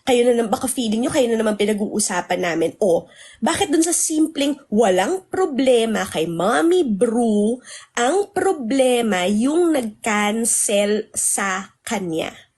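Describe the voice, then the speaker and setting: A high-pitched woman vents on a livestream in a husky, breathy voice. She is indignant and heated, and openly very emotional as she flips between Tagalog and English. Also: very animated, unhurried, a little mellow. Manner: self-described very emotional.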